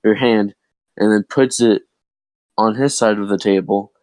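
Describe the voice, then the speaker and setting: A man's voice: on the low side, fairly even intonation, unhurried, darkish tone, no room sound, rough recording. Teen guy rambling, cracking voice, dry. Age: teens. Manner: rambling storytelling with laughs and swearing; voice cracks often. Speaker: podcast co-host. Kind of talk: casual chat.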